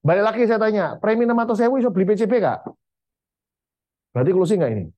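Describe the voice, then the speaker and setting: A man with an East Javanese accent coaching insurance agents in a blunt, motivational training talk. His pitch swings widely from high to low as he drives his points home. He slips English sales terms into his speech. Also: sing-song, racing, warm tone, dry recording.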